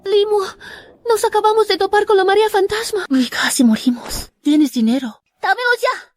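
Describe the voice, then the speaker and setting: A woman's voice: very high-pitched, moderate pace, dry recording, studio quality. A woman voicing a greedy, scornful young girlfriend in an anime, with a whiny, demanding manner.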